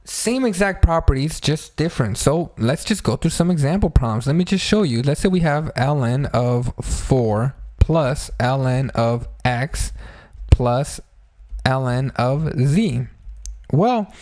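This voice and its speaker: A man's voice: medium pitch, animated, takes it slowly, darkish tone, no echo. A man teaching math in an informal, chatty step-by-step way, talking through a sore, injured throat that hurts when he speaks. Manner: chatty, addresses listeners as friends, step-by-step explaining. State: sore throat, pained to talk after a blow to the throat. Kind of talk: informal tutorial on math problems.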